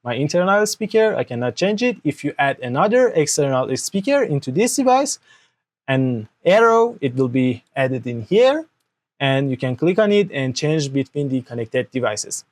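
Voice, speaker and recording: This tutorial host is a young Persian-speaking man seated at a desk in an indoor room, recording a software walkthrough on screen through an external microphone. His mid-range voice is very animated at a moderate pace, and he explains each step, repeatedly checking in with "okay?" and using non-native grammar.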